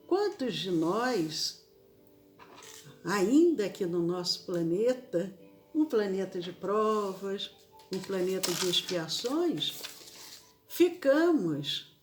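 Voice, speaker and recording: A woman from Brazil leading a spiritist gospel study, speaking slowly and repeating key phrases for emphasis. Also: medium pitch.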